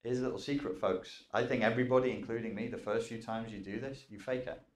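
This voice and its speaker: A man's voice: medium pitch, fairly even intonation, fast talker, slight background noise. Casual man explaining, roomy echo. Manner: casual, self-aware, swears and jokes. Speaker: self-help teacher. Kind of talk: informal lecture. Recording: roomy echoing sound.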